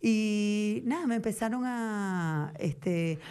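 A middle-aged actress from Venezuela with a Venezuelan accent, telling stories animatedly in a casual interview. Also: female voice, mid-range voice, slow pace, clear, resonant tone. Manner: animated storytelling, quoting others in lively voices.

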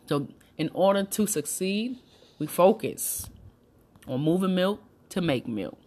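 A woman's voice: on the low side, lively intonation, takes it slowly, mellow. A woman hosting a breastfeeding support talk, giving new mothers emphatic, repetitive, reassuring advice in casual, colloquial speech.

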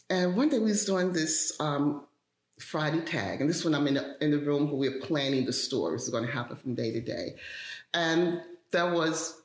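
Woman tv writer telling a story, low voice, roomy echo. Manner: animated, acts out quoted voices. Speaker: television writer, guest. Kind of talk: storytelling in an interview.

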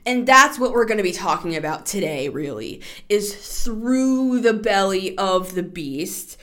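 Woman podcast host, unhurried, winded, rambling chat, middle pitch. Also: lively intonation, a bit bright. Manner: chatty and rambling, with frequent "like" fillers. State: short of breath, taking deep breaths. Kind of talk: casual solo podcast monologue.

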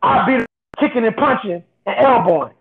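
A man's voice: very high-pitched, expressive, brisk, creaky. Man on a glitching, breaking-up call line. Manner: insistent, repeats himself to make a point. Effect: glitching, breaking-up remote call audio. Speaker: podcast co-host. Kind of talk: casual argumentative sports chat. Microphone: headphones with built-in mic on a remote call. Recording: tinny phone-like call line.

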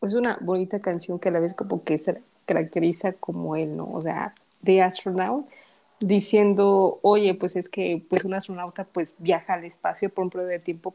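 A woman's voice: lowish voice, gravelly, warm tone. A young woman, chatting casually as a podcast co-host, gushing and giggling as a fan. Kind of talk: casual chat.

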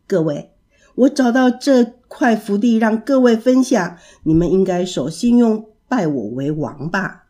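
A woman's voice: medium pitch, lively intonation, a little slow, warm tone, natural voice. A woman voicing the Stone Monkey, a proud and clever young male monkey king, in a children's storybook reading. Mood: sly, commanding.

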